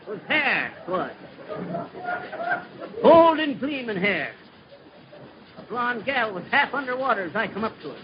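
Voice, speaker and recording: A man's voice: very high-pitched, big pitch swings, unhurried, pauses often, lo-fi sound, full character voice. An actor playing a boastful middle-aged man who rambles through tall tales in a folksy way, with slips of the tongue, in 1930s radio comedy style. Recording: scratchy noisy 1930s radio broadcast.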